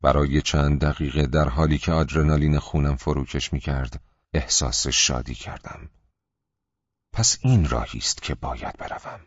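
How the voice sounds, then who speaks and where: A man narrating an audiobook in a measured, even storytelling manner. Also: very deep voice, breathy edge, dry recording, muffled recording.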